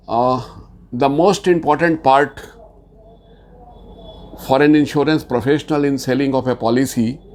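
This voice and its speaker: A man from Bihar, India, speaking Hindi-accented Indian English, gives an insurance training presentation. His voice is mid-range with a darkish tone. Delivery is slow and hesitant, full of "uh" fillers, though he rises to stress key points.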